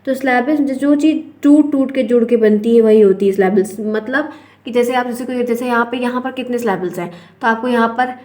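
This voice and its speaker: A woman's voice: on the high side, fairly quick, a little mellow. A woman teacher with an Indian accent, explaining exam questions step by step and calling her viewers friends. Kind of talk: exam-prep lesson.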